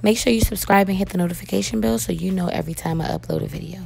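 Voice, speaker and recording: Hoarse, gravelly woman explaining nail work. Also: mid-range voice, rapid-fire, a little mellow. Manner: chatty, addresses viewers as "you guys", frequent "um". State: hoarse, voice cracking. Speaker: nail technician and beauty vlogger. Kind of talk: casual tutorial narration to viewers.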